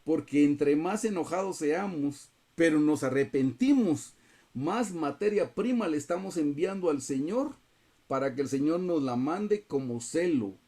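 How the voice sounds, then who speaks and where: A man preaches a Bible lesson over a video call, his voice set a little high yet mellow and soft-edged. He speaks earnestly and keeps calling out to his listeners as brothers. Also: expressive, measured pace. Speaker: Bible study teacher.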